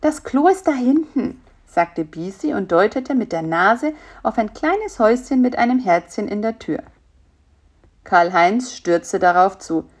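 A woman narrating a children's storybook in an even, gentle reading voice. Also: mid-range voice, unhurried.

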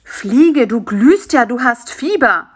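A woman voicing an excitable, kind-hearted male spider who talks in a lively, brash way. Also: medium pitch, moderate pace. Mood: excited.

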